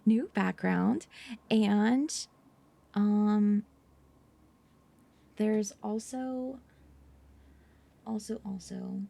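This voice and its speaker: A woman chatting casually on an ASMR livestream, with a soft, mellow voice that has a creaky edge. She takes her time, keeps things hushed and often drops into a whisper. Her manner is playful and teasing. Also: medium pitch, drawn-out words, long pauses. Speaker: livestreamer host.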